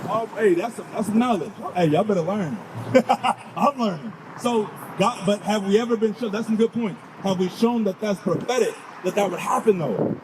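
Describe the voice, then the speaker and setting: A man's voice: high-pitched, moderate pace, background noise. Emphatic male street preacher. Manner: questioning, emphatic, calls out 'come on'.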